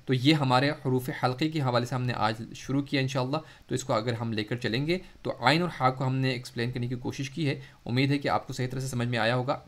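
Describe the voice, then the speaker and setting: A man with an Urdu accent teaches recitation close to the mic, at a middling pitch. He explains in a patient, steady way and draws out long, stretched sounds to show how each letter is said. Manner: explains slowly, then draws out the demonstrated sounds. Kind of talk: recitation lesson.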